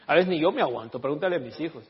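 A man's voice: on the high side, rapid-fire, breathy edge. A man preaching a sermon in a church, telling stories with jokes and switching into English to read scripture. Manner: animated storytelling, joking with the congregation; reads scripture in English and Spanish. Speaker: pastor. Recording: echoey hall, dull lo-fi sound.

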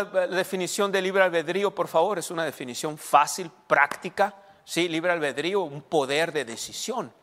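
A man preaches a teaching sermon in a fairly high voice that carries a long reverb from the hall. He stumbles and repeats words as he goes, often checking that his listeners are following. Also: a bit bright. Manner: halting, repeats words, asks the congregation questions. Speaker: pastor.

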